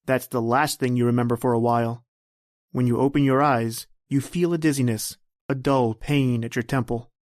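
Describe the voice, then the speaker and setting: In a scripted suspense radio drama, a man voices an ominous, taunting narrator who addresses the hero in a knowing, insinuating manner. His natural voice is medium-pitched and darkish, with a steady tone and moderate pace, recorded dry.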